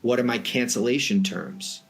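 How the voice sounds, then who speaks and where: This guest, a private jet charter broker from the Boston area by accent, has a gravelly mid-range voice and a moderate pace. He explains his field in an emphatic, conversational way during the interview.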